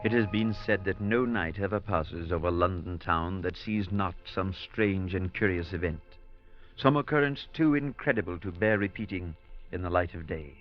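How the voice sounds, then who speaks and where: An actor playing a reflective, gentle priest who narrates and talks in 1940s radio-drama style. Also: male voice, sits low, moderate pace, soft background music, lightly acted. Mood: solemn. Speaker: clergyman narrator. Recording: dull old radio broadcast.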